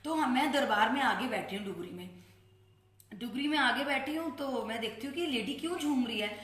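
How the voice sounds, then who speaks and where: A woman's voice: fairly high pitch, lively intonation, a little fast, fairly bright tone, roomy sound. A middle-aged woman from India giving an emotional personal testimony to a devotional group, acting out the people she quotes. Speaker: satsang speaker.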